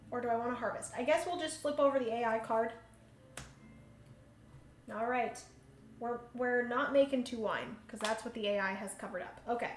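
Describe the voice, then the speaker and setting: A woman hosts a solo board game livestream, chatting, thinking aloud and laughing often. Her voice is a little high and a bit bright, and the room adds a roomy echo plus a faint hum.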